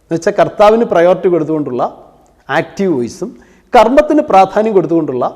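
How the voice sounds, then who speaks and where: A man with a high voice teaching English grammar to exam students. He explains step by step, asks questions and answers them himself, and drops English terms into his talk. His voice rings with the long reverb of a hall. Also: sing-song, quick pace, darkish tone. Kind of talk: classroom-style lesson.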